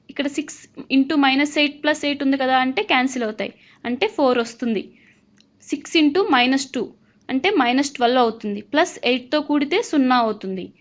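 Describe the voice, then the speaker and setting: Woman, high voice, patient math teacher, voice-over lesson, muffled lo-fi audio. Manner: patient, asks learners to check along. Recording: slightly dull lo-fi recording.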